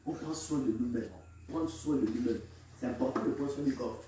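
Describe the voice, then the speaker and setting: A man preaching a call-and-response sermon as pastor, exhorting the congregation, repeating lines for them to echo and breaking into shouts. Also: mid-range voice, big pitch swings, normal speed, slight background noise. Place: large echoing church. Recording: very echoey hall, mic far off.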